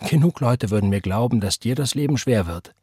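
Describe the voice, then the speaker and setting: A man's voice: mid-range voice, lively intonation, brisk, a little mellow, breathy edge, dry recording, studio quality. A man reading the part of a bitter, defiant young pregnant woman who speaks in a cold, taunting, accusing way.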